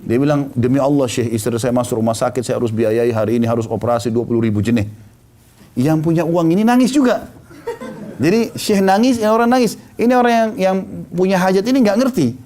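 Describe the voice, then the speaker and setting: A middle-aged man preaching, telling a story and acting out the voices of the people in it. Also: fairly quick. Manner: lively storyteller acting out quoted voices, pitch rising and falling. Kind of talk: storytelling sermon.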